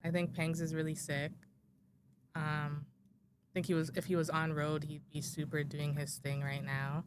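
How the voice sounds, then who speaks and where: A woman guest answering interview questions in a hesitant, casual way with many pauses. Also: low-pitched, flat delivery. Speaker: guest artist. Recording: clear background noise.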